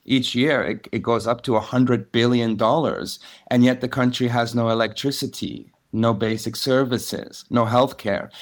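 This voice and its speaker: A man speaking as a researcher in a panel discussion. His voice sits in an everyday middle range, and he talks in a measured way that often circles back to restart a phrase. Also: mid-range voice. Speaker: think-tank researcher.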